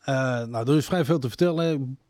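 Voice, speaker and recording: Dutch deacon in his fifties, halting radio guest, mellow dry voice. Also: mid-range voice, no echo. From Netherlands, Groningen. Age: 50s. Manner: hesitant, many fillers. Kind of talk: casual radio interview.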